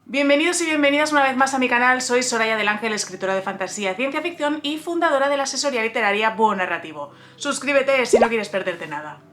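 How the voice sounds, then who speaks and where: A woman's voice: on the high side, expressive, quick pace, hardly any pauses, a bit bright, a little hiss or hum. Chatty woman teaching writing. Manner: chatty, addresses viewer directly, frequent "eh" and restarts. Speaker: writer and writing coach, channel host. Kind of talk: casual video lesson on writing.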